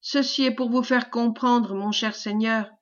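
A woman reading the lines of a servile, scheming man who flatters in a caressing, obsequious tone, in a storybook reading. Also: on the high side, measured pace, highs cut off, natural voice. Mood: fawning. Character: fawning, sly male schemer, servile and unctuous.

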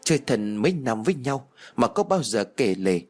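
A man voicing a proud young woman pleading with her friend in an audio story, with a husky tone. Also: mid-range voice, very animated, moderate pace, faint music behind. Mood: tearful pleading.

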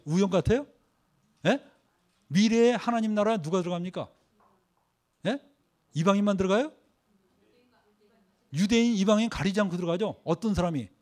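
Here a high-pitched man preaches, quizzing the congregation with rhetorical questions as he leads a group scripture reading. He is a pastor whose delivery moves between loud stresses and hushed side remarks.

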